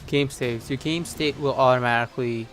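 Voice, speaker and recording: A man offers casual commentary while playing a video game, sometimes reading on-screen text aloud. His voice is mid-range, with fairly even intonation at a moderate pace. Game music plays behind him.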